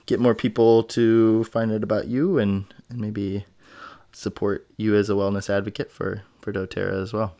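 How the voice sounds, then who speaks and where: Man, very low voice, gravelly, podcast host, casual rambling chat. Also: little pitch movement, moderate pace, dark tone. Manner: chatty, rambling with many restarts.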